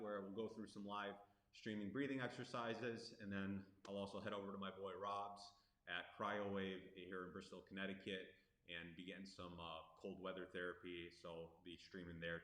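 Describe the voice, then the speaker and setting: Low-voiced man, roomy echo. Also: fairly bright tone. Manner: informal, conversational. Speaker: breathing and meditation coach. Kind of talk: casual live-stream talk, explaining. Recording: roomy, echoing live stream.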